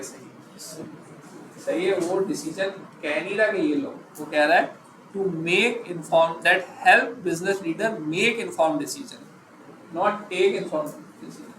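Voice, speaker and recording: A man teaching a live class, quizzing his students and stopping often to check that they follow, slowing right down on the key phrases. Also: high-pitched. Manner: slows down to stress key phrases. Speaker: instructor. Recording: echoey room, background noise.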